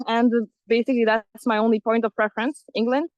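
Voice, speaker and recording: Young female student from Lithuania, hesitant and apologetic, slightly high voice, dry and dull phone-call audio. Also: fairly even intonation, a little fast, no echo. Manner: hesitant, apologetic, many fillers. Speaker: student ambassador. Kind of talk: casual testimony on a video call. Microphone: phone on a video call.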